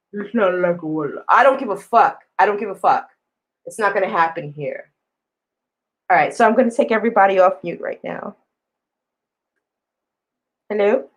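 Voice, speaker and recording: A woman's voice: medium pitch, low-quality recording. Woman, host, casual online chat, blunt, profane, emphatic.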